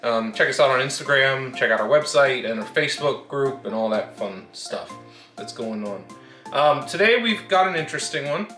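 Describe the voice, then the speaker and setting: A man's voice: mid-range voice, animated, moderate pace, pushed and bright. A man co-hosting a casual home cooking video, easygoing and rambling with fillers. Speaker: co-host. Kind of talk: casual chat. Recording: roomy echo, light music.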